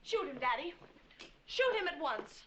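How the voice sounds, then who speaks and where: An actress playing a spoiled, dramatic young rancher's daughter in a 1960s western film, indignant and theatrical. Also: female voice, big pitch swings, measured pace, a bit bright, highs cut off, slight background noise, heavily acted. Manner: indignant, theatrical, shrill outbursts.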